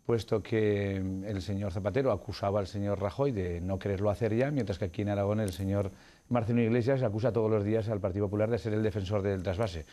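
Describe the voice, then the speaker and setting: A man's voice: fairly low pitch, steady tone, quick pace, mellow. Man arguing in a formal interview. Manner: formal, argumentative, with frequent "eh" fillers. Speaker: political candidate. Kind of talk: interview answers.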